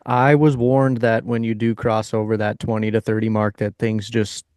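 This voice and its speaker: A man's voice: fairly low pitch, little pitch movement, moderate pace, a little mellow, no echo, studio quality. A man of thirty-one co-hosting a podcast, talking in a laid-back, easily laughing way. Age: 30s. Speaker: podcast co-host. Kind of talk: casual chat.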